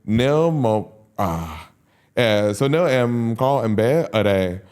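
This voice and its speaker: A man hosting a casual podcast, joking around and speaking halting Vietnamese mixed with English. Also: mid-range voice, animated, a little mellow, clear, resonant tone. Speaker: podcast host.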